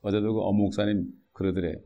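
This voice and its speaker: A man preaching a sermon as pastor, reading scripture aloud and then talking in an animated way, often tossing rhetorical questions at the congregation. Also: lowish voice, fast, lo-fi sound.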